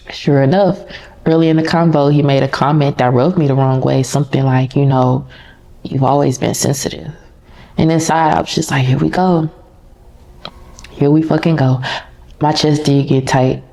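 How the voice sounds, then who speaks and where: A woman's voice: low-pitched, vocal fry, darkish tone. A woman podcast host telling a personal story in a candid, casual, conversational way, talking straight to her listeners.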